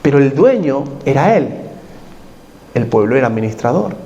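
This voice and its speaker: A man's voice: medium pitch, big pitch swings, moderate pace, dark tone, dull audio. A man preaching a sermon as pastor in a church, putting questions to the congregation and repeating his key points.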